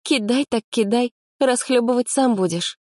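A woman playing a whiny young woman, high pitch, indignant, dry close sound. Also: normal speed, warm tone, no room sound, natural voice. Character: petulant sharp-tongued young woman camper.

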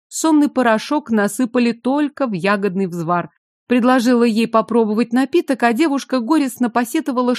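Female audiobook narrator, fairly high voice, wry first-person delivery, dry close recording with no room sound. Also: a little mellow, no room sound. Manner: wry, sardonic inner voice.

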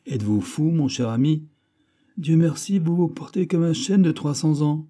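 A man voicing a bold, middle-aged male musketeer who asks brisk, teasing questions. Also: fairly high pitch, dark tone, voice pushed up, natural voice.

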